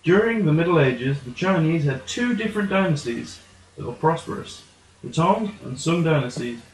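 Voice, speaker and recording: A man's voice: on the high side, expressive, moderate pace. A man reading scripted educational narration for a comic puppet show. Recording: echoey room.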